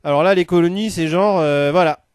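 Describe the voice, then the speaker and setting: A man's voice: high voice, a little fast, darkish tone, smooth, no room sound, clean studio sound. A man telling a story casually as a comedian, rambling loosely with many fillers. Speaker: comedian narrator.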